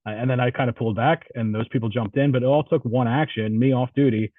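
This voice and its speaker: A man's voice: medium pitch, fairly even intonation, quick pace, no echo. A man with a New Jersey accent, a police instructor telling a story in a panel answer, talking in a conversational way with restarts. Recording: far from mic, tinny phone-like line.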